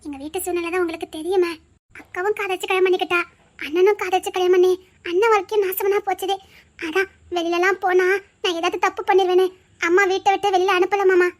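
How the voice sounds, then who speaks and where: Woman playing a very high, sweet young girl with a Tirunelveli accent. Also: fairly even intonation, fast talker. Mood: tender. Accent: Tirunelveli Tamil. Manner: gentle, affectionate, teasing. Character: sheltered young woman student, sweet and playful. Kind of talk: web-series drama acting.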